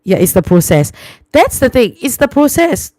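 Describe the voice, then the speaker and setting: Speaking in a high-pitched, sing-song, slightly mellow voice at normal speed, a young livestream host with a Singaporean English accent chats away and responds out loud to viewer comments, dropping "lah" and "lor" here and there. She's from New Zealand and Singapore, and the recording is dry with clean studio sound.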